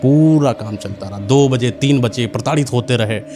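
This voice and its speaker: A man's voice: medium pitch, normal speed, over music. Man telling a horror story dramatically. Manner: intense, repeats words for suspense.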